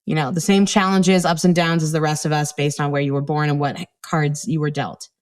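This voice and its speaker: A woman's voice: low-pitched, level tone, a little fast, a little mellow. A middle-aged woman speaking as a communication coach on a podcast, blunt and playful, acting out quoted tones of voice. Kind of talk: casual interview talk.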